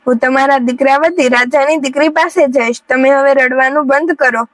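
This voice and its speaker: A woman's voice: high-pitched, fairly even intonation, normal speed, no room sound, natural voice. Woman voicing a kindly noble king.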